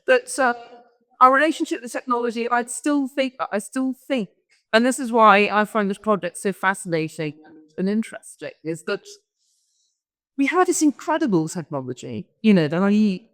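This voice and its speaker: A woman's voice: mid-range voice, lively intonation, moderate pace, a bit bright. A woman giving an informal conference talk as a guest speaker, rambling and often interrupting herself. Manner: rambling, self-interrupting storyteller. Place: large event hall. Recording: long hall reverb.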